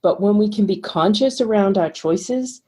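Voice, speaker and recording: A middle-aged woman with a Boston accent, a financial coach explaining ideas calmly and steadily as a podcast guest. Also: medium pitch, breathy edge. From Boston, USA. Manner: calm, explanatory, measured. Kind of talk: podcast interview.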